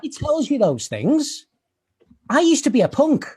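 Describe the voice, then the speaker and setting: A man's voice: very high voice, wildly swooping pitch, measured pace. A man, doing a dry, self-deprecating stand-up set over a video call. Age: 30s. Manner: dry, self-deprecating storytelling with quiet asides. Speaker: stand-up comedian.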